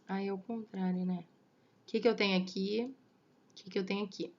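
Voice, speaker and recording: A woman's voice: mid-range voice, steady tone, brisk, dull audio. A Brazilian woman teaching a literature lesson online, explaining step by step, counting syllables aloud and checking in with students. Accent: Brazilian Portuguese. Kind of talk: online class lecture.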